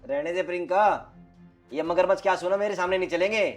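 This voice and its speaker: Man acting devoted son, high voice, emphatic, scolding, family drama skit, faint music. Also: fairly quick, lightly acted. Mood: angry. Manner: emphatic, scolding, filler-heavy. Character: hot-tempered devoted son and husband. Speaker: vlog host.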